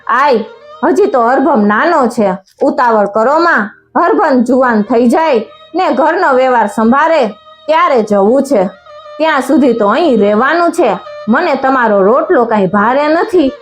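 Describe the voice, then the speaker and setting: A woman's voice: sits high, expressive, unhurried. A woman voicing a devoted village patron, Mepo. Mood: warm, generous. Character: generous older village patron man, devoted. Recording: faint music underneath.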